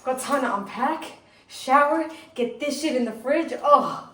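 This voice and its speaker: A woman's voice: high-pitched, unhurried, sharp tone, poor audio. Woman, 30s, casual chatty vlogger, handheld camera, swears a lot, light noise behind. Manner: chatty, swears freely, laughs often. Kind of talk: casual vlog talk to camera.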